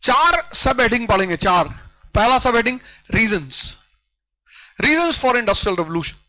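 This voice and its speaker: A man teaching a history class, animated and urging his students, dropping English phrases into his talk. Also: extremely high pitch, takes it slowly, rough recording.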